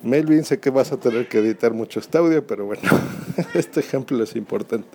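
A man's voice: mid-range voice, a little fast, mellow, slight background noise. A Mexican man giving casual podcasting advice, talking into his phone and asking the listener rhetorical questions. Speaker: podcast host.

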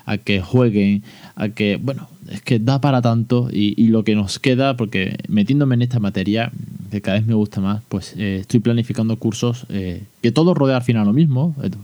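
Man, podcast host, low mellow voice, ironic and chatty, close dry mic. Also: no echo. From Spain. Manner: ironic, chatty, many fillers. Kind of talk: casual solo podcast talk.

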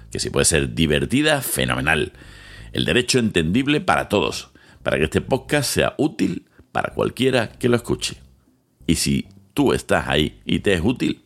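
A man hosting his podcast in a monologue, with dramatic pauses, slow emphatic phrases and quick lists, speaking into a studio mic. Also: low voice, creaky, a bit bright. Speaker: podcast host, lawyer. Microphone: studio microphone with headphones.

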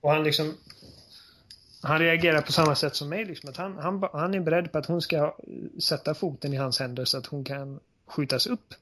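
A man with a slightly high, husky voice talks through a favorite game. He retells scenes eagerly and fills his sentences with hesitations. The tone is loose and conversational. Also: a bit bright. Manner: enthusiastic, retells scenes with many fillers. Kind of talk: casual game discussion.

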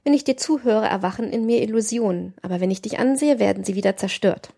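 A woman's voice: medium pitch, quick pace, gravelly, mellow, breathy edge. A woman voicing a cruel, scheming young nobleman in an audiobook, lofty and lecturing. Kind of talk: audiobook reading.

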